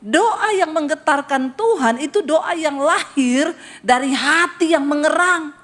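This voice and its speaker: A woman's voice: high-pitched, measured pace. A middle-aged woman pastor from Sulawesi preaching a humorous sermon, joking and acting out the people she quotes. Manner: lively, joking, acts out quoted voices.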